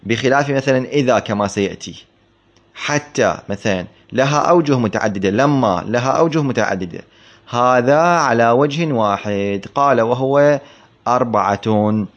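Man teaching grammar slowly, dull lo-fi sound. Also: medium pitch. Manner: slow, explanatory, repeats words for emphasis, asks rhetorical questions. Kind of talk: classroom text commentary. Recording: dull lo-fi recording.

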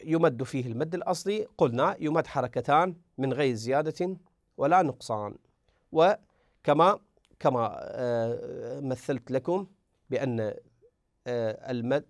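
In a studio-quality recording with no echo, a man with a medium-pitched voice teaches tajweed as a Quran recitation teacher. He is patient, repeats words, and drills each example out loud.

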